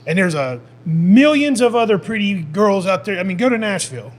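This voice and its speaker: A man's voice: high-pitched, very animated, normal speed. A middle-aged man hosting a podcast in casual chat, rambling, repeating words and swearing now and then. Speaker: podcast host.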